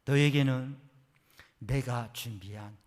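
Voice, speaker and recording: A man's voice: medium pitch, takes it slowly, a little mellow, long reverb tail, natural voice. A man voicing God as a tender, reassuring presence who repeats his words with emphasis.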